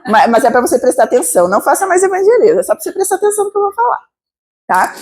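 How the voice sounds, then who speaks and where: A Brazilian woman missionary preaching a sermon to a congregation, with a Brazilian Portuguese accent, asking lively rhetorical questions. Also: very high-pitched, very fast. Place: church service.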